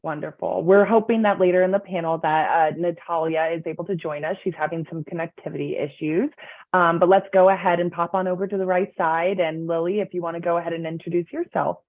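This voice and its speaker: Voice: medium pitch, fairly even intonation, a little fast. A moderator calling on panelists one by one over a video call, friendly and organized. The sound is narrow and phone-like. There is almost no room echo. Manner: friendly, organized, guides speakers in turn. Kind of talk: hosting a webinar panel.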